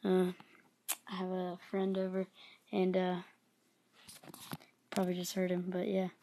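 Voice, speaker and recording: A woman talking in a low, hushed, unhurried late-night voice, giving casual commentary as a gaming video host. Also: monotone, a little hiss or hum.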